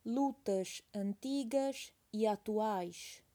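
A woman's voice: medium pitch, extremely slow, warm tone. A woman teacher reading a text aloud as a dictation, saying each phrase twice and calling out the punctuation.

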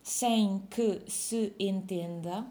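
Woman reading a dictation, soft dark tone, deliberate delivery, punctuation spoken aloud. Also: mid-range voice. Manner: measured, deliberate phrasing, says each phrase twice. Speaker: dictation teacher. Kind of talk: slow dictation, phrases read twice with punctuation called out.

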